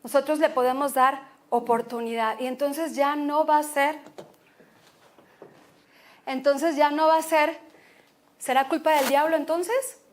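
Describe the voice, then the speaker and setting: A woman pastor with a Mexican Spanish accent preaching a sermon, expressive and repeating phrases for emphasis. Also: high-pitched, a little slow, long pauses.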